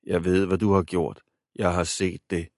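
A man reading an audiobook, voicing a boy who disguises his voice to sound hoarse and menacing on a prank call. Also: low voice, level tone, no echo, clean studio sound. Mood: growling threat. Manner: hushed, hoarse, growling, menacing. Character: prank-calling schoolboy faking a menacing voice.

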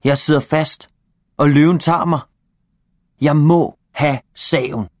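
An eager, cheeky little boy from a children's storybook, put on by a man. His voice sits clearly higher than the reader's own and comes out in urgent, childlike calls. The sound is close and dry. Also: fairly even intonation, dry recording, close to an everyday voice. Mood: calling for help. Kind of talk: storybook read-aloud.

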